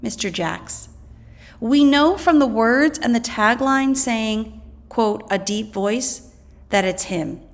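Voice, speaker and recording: This is a scripted educational read-aloud by a woman acting as a teacher, her voice slightly high with lively intonation. She goes slowly, explaining concepts and asking questions as she instructs.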